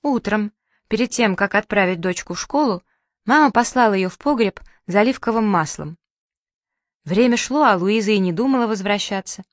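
Calm woman reading a storybook. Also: mid-range voice, normal speed, no room sound, clean studio sound. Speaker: narrator.

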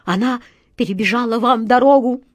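A woman's voice: mid-range voice, animated, unhurried, darkish tone, no echo, studio quality. A woman voicing a kind, superstitious male sea captain in a storybook, earnest and pleading.

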